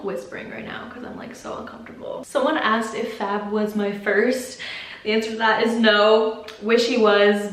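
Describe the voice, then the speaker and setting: A woman's voice: fairly high pitch, a bit bright. A young adult woman answering viewer questions in a casual vlog, candid and chatty, filling her talk with "like". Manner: candid, chatty, heavy use of "like". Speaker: vlogger. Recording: roomy echo.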